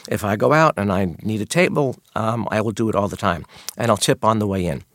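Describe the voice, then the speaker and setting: Low-voiced former maitre d' man. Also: brisk, a bit bright, no echo. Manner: earnest storytelling, quotes guests in his retelling. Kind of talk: conversational interview answers.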